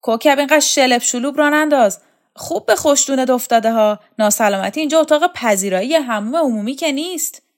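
A woman reading an audiobook, voicing a harsh, bossy woman who scolds and insults loudly. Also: few pauses, close to an everyday voice. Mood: contemptuous. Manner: shrill, loud, insulting.

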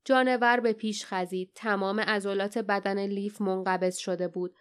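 A woman narrating a fantasy audiobook in a steady, tense storytelling manner. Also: medium pitch, smooth.

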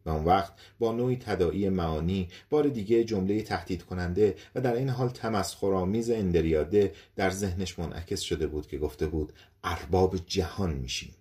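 A man narrating an audiobook story in an expressive storytelling reading. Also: low voice, hardly any pauses. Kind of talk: scripted narration.

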